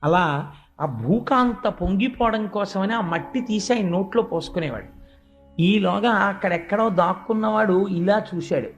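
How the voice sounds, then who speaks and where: Man, high voice, devotional story discourse, lively, faint music behind. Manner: lively, addresses listeners directly, acts out quoted voices. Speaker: spiritual discourse speaker.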